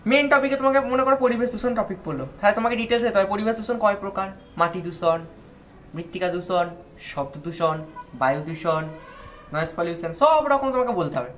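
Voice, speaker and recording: A woman's voice: medium pitch, animated, a little fast. A woman from India talking straight to students, giving patient, step-by-step advice on speaking in front of others. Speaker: tutor giving exam advice. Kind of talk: instructional talk to viewers.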